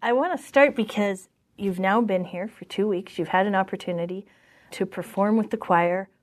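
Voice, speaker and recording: A woman hosting a podcast interview. She reads her introduction cleanly from a script, then asks a table of guests plain questions in an easy voice. Her pitch sits in the middle range. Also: moderate pace. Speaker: podcast host and news editor. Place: around a table with a group of guests.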